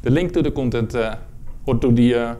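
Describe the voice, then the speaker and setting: A man from the Netherlands speaks with a Dutch accent and a warm, mid-range voice. Giving a technical product talk to an audience in a conference room, he hesitates often, using many fillers and starting sentences over.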